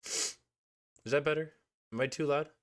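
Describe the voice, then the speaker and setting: A congested young man in his late teens reacts to news on a livestream, making frustrated, profane asides as casual commentary. His voice is a little high, with fairly even intonation and a moderate pace.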